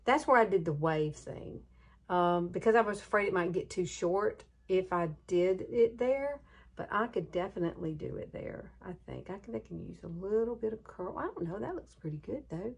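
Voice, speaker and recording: A woman's voice: mid-range voice, lively intonation, moderate pace, creaky, husky. Chatty Southern woman in her fifties. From Alabama, US. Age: 50s. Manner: gushing, chatty, drawling with laughs. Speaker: beauty vlogger. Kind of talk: casual hair tutorial chat.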